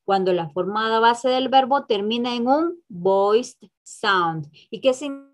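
A woman teaching English in an online class, switching between Spanish and English and drilling sounds slowly with exaggerated repetition. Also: fairly high pitch, expressive.

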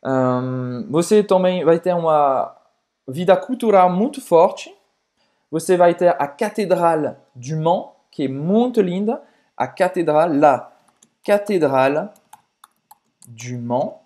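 A man with a French accent co-hosting a casual lesson, repeating words slowly and deliberately to drill their pronunciation. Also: on the high side, expressive, a little mellow. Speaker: co-host, French tutor. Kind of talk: casual teaching chat.

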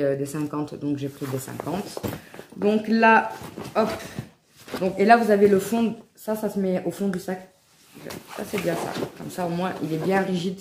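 A woman's voice: fairly low pitch, a little mellow. A woman, chatting enthusiastically to viewers as she shows off her shopping haul, with many fillers and little "hop"s. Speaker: home vlogger showing a shopping haul. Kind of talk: casual haul vlog to viewers. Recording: echoey room with faint background noise.

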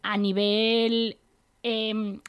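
A woman's voice: fairly high pitch, little pitch movement, very slow, clean tone. Give me a playful young woman co-hosting a chat podcast in a radio studio. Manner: playful, teasing banter. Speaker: podcast co-host. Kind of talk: casual chat.

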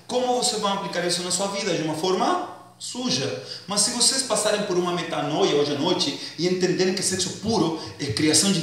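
A man's voice: high voice, bright, forceful tone. A man preaching a sermon in church in a casual, slangy way, quizzing the congregation and acting out comic scenes. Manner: acts out comic skits. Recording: echoey church hall, distant mic.

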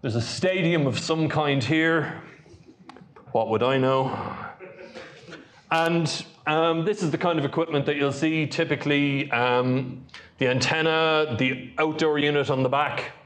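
A man's voice: a little high, steady tone, unhurried, a bit bright. A man with an Irish accent giving a lightning talk at a tech meetup, telling stories in a dry, joking way. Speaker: conference speaker.

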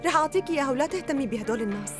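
Sweet reassuring teen girl, very high, talks super fast. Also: animated, music in the background. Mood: soothing. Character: soothing kind teenage schoolgirl friend. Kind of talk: dubbed TV drama.

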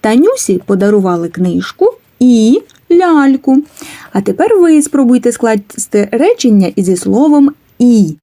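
A woman's voice: on the high side, big pitch swings, a little slow, dark tone. A woman teaching a letters lesson to young children, coaxing them with questions and waiting for answers. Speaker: kindergarten teacher.

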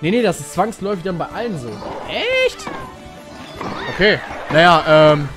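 Excitable young man streaming a game. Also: sits high, normal speed, music in the background. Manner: excitable, jokey, with sudden shouts. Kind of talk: casual let's-play commentary to chat.

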